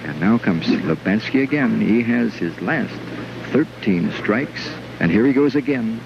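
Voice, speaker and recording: A man calling live bowling play-by-play, excitedly repeating phrases as the action peaks, on an old television broadcast. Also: lowish voice, measured pace, gravelly. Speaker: bowling commentator. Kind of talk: live sports play-by-play commentary. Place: bowling alley. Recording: noisy dull vintage 1950s TV broadcast.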